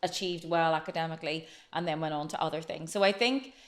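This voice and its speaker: A woman from Northern Ireland in her late forties appears as a guest on a casual podcast interview, telling her life story in a chatty, flowing way. Her voice is low and fast, with fairly even intonation.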